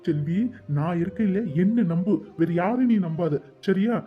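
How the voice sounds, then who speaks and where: A man's voice: sits high, moderate pace, narrow, tinny audio, faint music behind, natural voice. A man voicing a worried, protective young lover in a cartoon, speaking, urgent and pleading. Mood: soothing. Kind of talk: cartoon voice acting.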